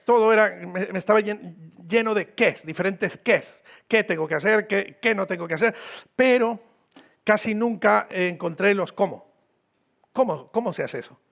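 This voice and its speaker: Speaking in a gravelly, fairly bright high voice at normal speed, a Mexican-accented man from Mexico preaches as a guest pastor in a church hall. He keeps it informal and joking, repeating phrases to drive points home.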